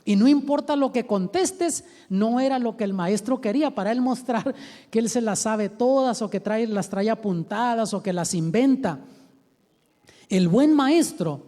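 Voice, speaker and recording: A man's voice: high-pitched, long reverb tail. A man, a pastor, teaching a seminar and animatedly asking the audience questions. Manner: animated, acts out quoted voices, asks the audience questions.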